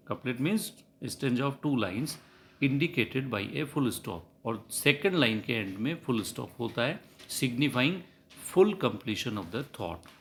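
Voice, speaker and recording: A man's voice: mid-range voice, fairly bright tone, slight background noise. A middle-aged man with an Indian English accent giving a recorded college literature lecture, explaining each point again in Hindi. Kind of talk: recorded lecture over slides.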